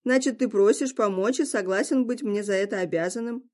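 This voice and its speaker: A woman's voice: medium pitch, fairly quick, dark tone, lightly acted. Smug teasing trickster god, grown man, hams it up a bit woman reading him in an audiobook. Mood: sly. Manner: theatrical, teasing.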